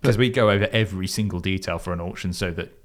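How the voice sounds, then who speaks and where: A man's voice: sits low, fast talker. A man from Surrey with a southern Surrey, Home Counties English accent, co-hosting a casual podcast chat about cars. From southern Surrey, England. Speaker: podcast co-host.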